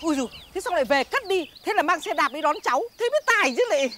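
A gossipy village tea-stall seller. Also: female voice, very high voice, big pitch swings, fast, noisy background. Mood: gossiping. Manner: chatty, gossiping.

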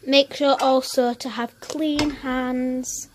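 Filming on a phone held close, a Northern English teenage vlogger rambles and corrects herself while cooking along in her kitchen at home. She speaks slowly and flatly in a high voice against a noisy background.

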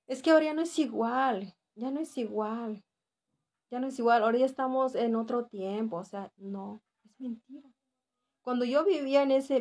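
A woman's voice: a little high, a little mellow. A woman with a Mexican accent giving an earnest religious testimony, repeating phrases for emphasis and often adding tag questions. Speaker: church member giving testimony.

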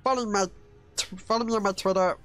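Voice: medium pitch, fairly quick, natural voice. A performer voicing Stitch, a mischievous cartoon alien, doing let's play commentary and speaking of himself in the third person. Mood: excitable. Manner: refers to self in third person, excitable yelps. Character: Stitch, small mischievous male alien, excitable. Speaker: gaming channel host.

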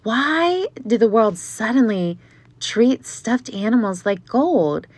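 A woman's voice: a little high, slow, dry recording. Chatty woman reading posts aloud. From Pittsburgh area, USA. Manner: chatty, animated asides between readings. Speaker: Beanie Baby collector and video host.

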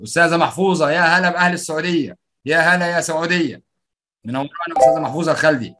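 A man's voice: mid-range voice, sharp tone, slightly rough. A man with an Egyptian Arabic accent running a live online workshop as trainer, playfully reading out and greeting participants' answers.

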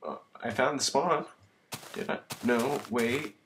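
A teenage boy from the United States, tired and sick, rambling through self-mocking gameplay commentary with sudden loud outbursts. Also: mid-range voice, slow pace. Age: teens. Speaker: let's play gamer. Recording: noisy home recording.

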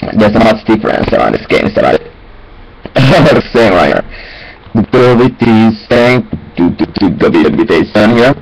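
A young man sits in a small, cluttered room, casually muttering to his webcam in fragmented phrases full of sing-song filler noises. His voice is on the low side, creaky and sing-song, at a moderate pace. The recording is low quality.

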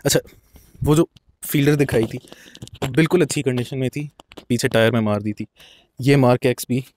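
This is casual walk-through commentary from a young male vlogger touring an outdoor car lot, talking to the camera and blending in English phrases. The voice is mid-range and darkish, with no room sound.

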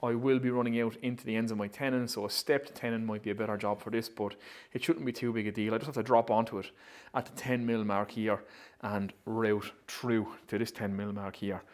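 The speaker is a woodworking channel host in his thirties, talking casually and cheerfully to the camera while working indoors in a shed lined with pegboard. His fairly low voice holds a steady tone, moving a little fast with few pauses as he thinks aloud.

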